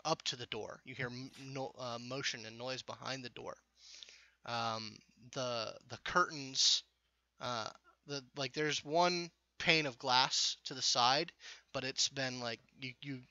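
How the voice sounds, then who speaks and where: A man's voice: mid-range voice, pushed and bright, no room sound. A man narrating as game master for a tabletop game, talking with many fillers and restarts. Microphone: video call. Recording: muffled, lo-fi online call.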